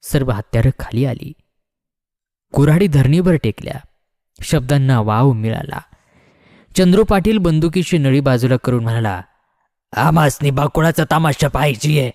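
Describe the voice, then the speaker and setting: A man reading a story aloud with dramatic, expressive narration. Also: mid-range voice, moderate pace, long pauses, no room sound, clean studio sound.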